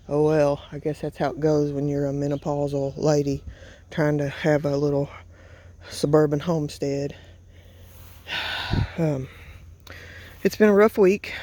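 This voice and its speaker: A woman's voice: deep voice, dark tone. A middle-aged woman with an Appalachian accent, talking hurriedly and emotionally in a casual vlog, out of breath. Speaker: homestead vlogger.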